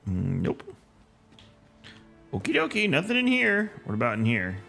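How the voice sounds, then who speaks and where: A man's voice: mid-range voice, huge pitch swings, moderate pace, creaky, bright, forceful tone, soft background music. A man streaming a game, chatting casually and thinking aloud with jokes. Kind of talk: casual gameplay commentary.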